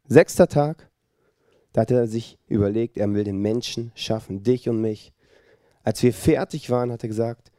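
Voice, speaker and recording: Mellow-voiced man preaching a sermon. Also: on the high side, no echo, clean studio sound. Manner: lively, addresses listeners directly. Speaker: pastor.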